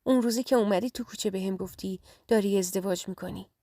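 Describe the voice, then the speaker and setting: A woman's voice: medium pitch, dark tone, no room sound, studio quality, natural voice. A woman voicing a lovesick young man, a former sweetheart, who speaks tenderly and pleadingly in an audio story.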